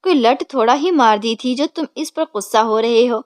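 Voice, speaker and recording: A woman's voice: on the high side, dry recording, studio quality, close to an everyday voice. A woman voicing a fierce, doting older mother who scolds her husband in an angry tone. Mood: scolding.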